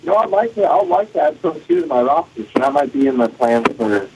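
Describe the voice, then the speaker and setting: A man's voice: a little high, quick pace, noisy background. A racing driver, a man, giving a matter-of-fact phone-in interview, his voice heard over a phone line. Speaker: off-road racer calling in as guest.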